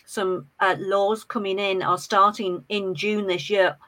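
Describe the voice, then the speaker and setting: A woman's voice: mid-range voice, flat delivery, unhurried, sharp tone. A woman on a panel discussion who talks with frequent hesitations and fillers.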